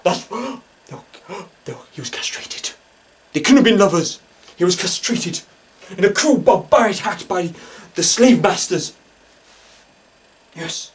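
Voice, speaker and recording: A man playing a hammy spoof psychic medium who speaks in halting, dramatic whispers and gasps in a comic mock documentary. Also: high voice, lively intonation, recorded from a distance, a little hiss or hum. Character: hammy male stage psychic, breathy and theatrical.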